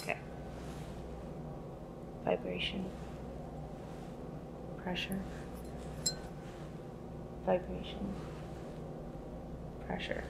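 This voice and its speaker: A woman as the patient in an ASMR exam, giving brief, quiet, subdued answers. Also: fairly low pitch, big pitch swings, drawn-out words, creaky, long pauses. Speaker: patient being examined. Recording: loud background noise.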